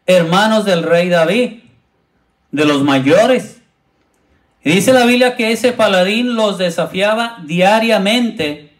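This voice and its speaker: A man, a pastor, preaching a sermon, retelling a Bible story and speaking directly to his congregation. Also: sits high. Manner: retells a Bible story, acting out the quoted speakers in raised voices.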